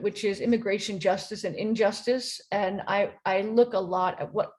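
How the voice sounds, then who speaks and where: A woman from the U.S. with an American accent gives a conference panel talk as a philosophy professor. Her voice is a little mellow and medium in pitch, and she speaks in a friendly, halting manner with many ums and restarts.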